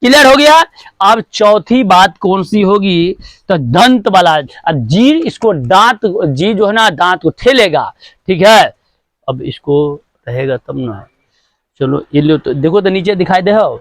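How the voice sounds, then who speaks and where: A man's voice: high-pitched, animated, measured pace, no echo. A male teacher giving a grammar lesson, repeating each point and asking questions that he then answers himself. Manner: repetitive, asks and answers his own questions; drills sounds one by one.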